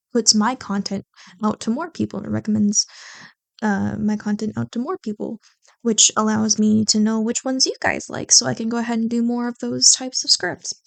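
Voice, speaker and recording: A young woman who makes ASMR roleplays chats to her listeners in a mid-range, creaky voice, casual and affectionate, rambling and apologizing along the way. There's no echo.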